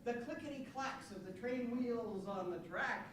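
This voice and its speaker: A woman with a fairly high pitch and measured pace presents live children's audio theater about sound effects, giving instructions to a young audience. The event takes place live at a library before an audience, with crowd noise audible.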